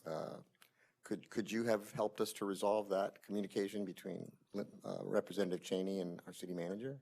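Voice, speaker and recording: Man, city commissioner, low voice, polite, halting, repeats words. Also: flat delivery, vocal fry, dark tone. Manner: courteous and halting, repeating words as he gropes for phrasing. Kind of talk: questioning at a public meeting. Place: city council chamber.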